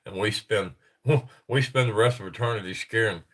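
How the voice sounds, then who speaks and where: A middle-aged man with a stuffy, congested voice hosts a casual livestream, reading reports aloud and drifting into chuckling asides, often interrupting himself. His voice sits on the low side with a fairly bright tone, at a moderate pace.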